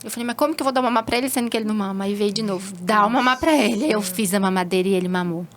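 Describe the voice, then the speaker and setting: A woman in her thirties, a holistic therapist as an interview guest, telling a personal story and acting out what people said with sudden high exclamations. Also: steady tone, rapid-fire. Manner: acts out quoted speech with sudden high exclamations.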